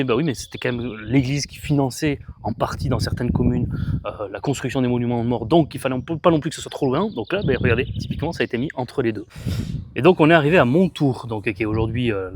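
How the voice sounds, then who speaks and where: A middle-aged man from France with a mid-pitched voice talks in a relaxed, chatty way. He gets excited over small finds and thinks aloud with filler sounds. He is recorded outdoors on a handheld camera. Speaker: book vlogger. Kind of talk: casual walking vlog.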